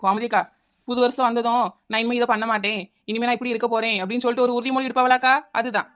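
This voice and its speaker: A woman's voice: a little high, flat delivery, very fast, a bit bright, natural voice. A woman voicing a scatterbrained housewife in a comedy cartoon, chattering and wheedling, with a Kanyakumari Tamil accent. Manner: chattering, wheedling, repeats the neighbour's name.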